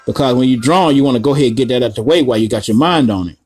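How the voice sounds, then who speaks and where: A man's voice: medium pitch, very fast, a little mellow, faint music behind. A man hosting a casual coloring tutorial, rambling through profane, joking asides while he works. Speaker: art tutorial host.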